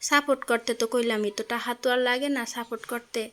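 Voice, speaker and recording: A woman's voice: fairly high pitch, steady tone, fast, a bit bright. Chatty young woman with a Barishal accent. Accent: Barishal dialect of Bengali. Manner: chatty, keeps checking in with the viewer. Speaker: vlogger; mother of young children. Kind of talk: casual home vlog chat.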